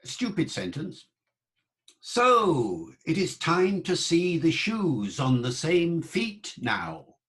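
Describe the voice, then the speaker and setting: An older man giving an online lecture, pronouncing words slowly and repeating them to show how they sound. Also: a little high, huge pitch swings, a bit bright. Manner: slow, careful, repeats words to demonstrate sounds. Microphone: online talk microphone.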